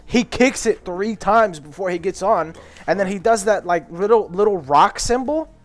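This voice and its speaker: High-voiced young man telling a rambling story. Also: expressive, normal speed. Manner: rambling, profane, acts out quotes loudly. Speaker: podcast co-host. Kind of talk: casual storytelling chat.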